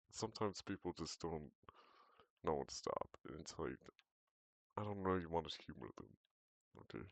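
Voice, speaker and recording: A teenage boy with a very deep voice, chatting casually while gaming, rambling and hesitant with frequent restarts. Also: vocal fry, no room sound. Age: teens. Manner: rambling, hesitant, self-correcting. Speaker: gaming vlogger.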